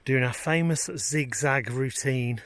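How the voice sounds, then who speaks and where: A man's voice: mid-range voice, slow pace, fairly bright tone. A man narrating a casual travel vlog outdoors, chatting as he points out the views. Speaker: travel vlogger. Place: outdoors on a road trip.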